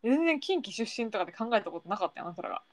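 表情豊かに話す関西弁の女性. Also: female voice, on the high side, rapid-fire, no room sound. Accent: Kansai Japanese. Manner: animated, playful banter. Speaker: podcast co-host. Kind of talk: casual chat.

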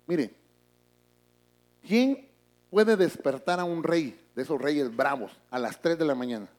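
A middle-aged man, a pastor, preaching a sermon in a church, moving from booming emphasis to hushed asides. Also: lively intonation, unhurried.

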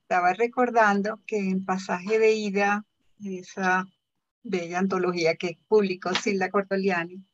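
Woman from the audience, polite and explanatory, mid-pitched, dull audio. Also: level tone, a little slow, a little hiss or hum. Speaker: audience questioner. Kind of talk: asking a question in a panel talk.

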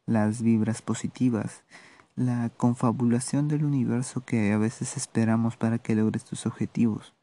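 A man with a Peruvian accent hosting a solo podcast, giving political commentary in a measured, sardonic way with halting pauses. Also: medium pitch, dark tone. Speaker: podcast host.

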